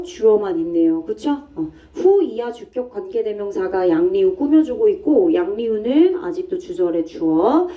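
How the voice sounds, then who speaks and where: Woman, English teacher, classroom lecture, asks and answers own questions, mellow voice, distant muffled mic. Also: mid-range voice.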